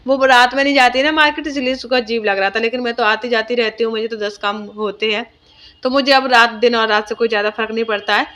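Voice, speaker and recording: A woman's voice: on the high side, steady tone, fast talker, a bit bright. A young woman vlogger, narrating her day in a chatty, homely way with lots of fillers. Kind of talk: casual vlog voice-over narration.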